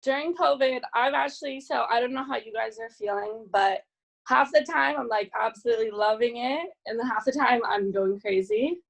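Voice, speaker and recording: A woman's voice: a little high, moderate pace, gravelly, rough recording. A young woman from California, a podcast guest chatting casually, laughing often and filling her talk with "like". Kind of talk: casual chat.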